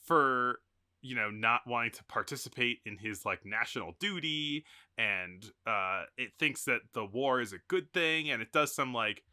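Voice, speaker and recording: A man's voice: mid-range voice, lively intonation, normal speed, pushed and bright, smooth. A man co-hosting a podcast, talking casually about a film in rambling sentences with frequent fillers and laughs. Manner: rambling, many restarts and fillers, laughs often. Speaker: podcast co-host.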